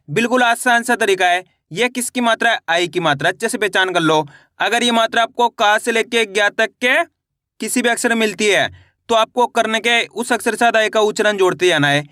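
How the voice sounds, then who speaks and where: A man teaching children to read, spelling out syllables slowly and asking and answering his own questions. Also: sits high, sharp tone, dry recording, studio quality. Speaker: Hindi reading teacher. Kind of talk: spelling-out phonics lesson.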